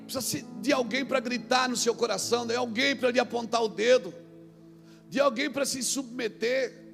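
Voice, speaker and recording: A man, a pastor preaching a sermon, moving between shouted peaks and quiet storytelling. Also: very high-pitched, brisk, vocal fry, big-room sound, soft background music.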